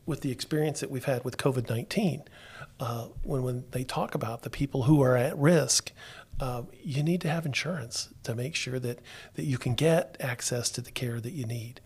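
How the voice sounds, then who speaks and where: Here the same male podcast host from Florida speaks at a medium pitch, his tone a bit mellow with a slight roughness. The talk is relaxed talk-show banter, slow-paced and full of "uh"s and false starts.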